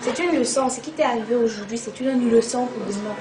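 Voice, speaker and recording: A woman's voice: a little high, a little fast, noisy background, natural voice. An actress playing a young woman friend who presses with questions and then lectures firmly. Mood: lecturing. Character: scolding young woman friend, nagging and preachy. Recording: echoey room with loud music behind.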